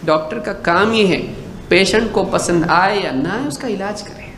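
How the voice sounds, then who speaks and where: A man with a high, ringing voice delivers a sermon-style lecture, animated and full of rhetorical questions. He acts out small exchanges as he preaches. The sound is an echoey hall with a long reverb tail and faint background noise. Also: normal speed. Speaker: Islamic preacher.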